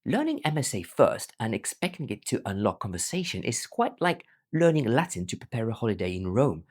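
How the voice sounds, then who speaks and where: This speaker is a language teacher who acquired Arabic as a foreign language and now presents their own learning platform in an emphatic, scripted explainer. Their mid-range voice sounds husky and a little mellow.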